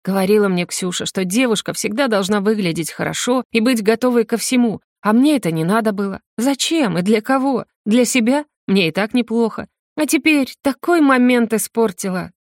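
A woman's voice: fairly high pitch, animated, moderate pace, few pauses, no room sound, studio quality. A woman narrating a first-person story in an intimate, confessional reading voice. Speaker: audiobook narrator.

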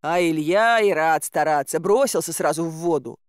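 A woman narrating an audiobook in a lively, wry and theatrical manner. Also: sits low, normal speed, no echo, clean studio sound.

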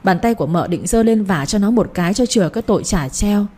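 A woman narrating an audiobook romance in a steady storytelling manner. Her voice is mellow and slightly husky, with no sharp edges. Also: mid-range voice, fast talker.

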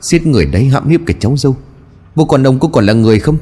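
Man voicing middle-aged mother, horrified, crying out, lively swings. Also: medium pitch, rapid-fire, breathy edge, voice pushed up. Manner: crying out in shock.

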